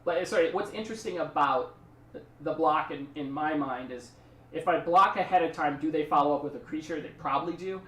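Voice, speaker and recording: A man's voice: a little high, fairly quick, sharp tone, reverberant, recorded from a distance. A man streaming a card game, talking through his plays in a rambling, chatty way and thanking subscribers. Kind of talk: casual live-stream commentary.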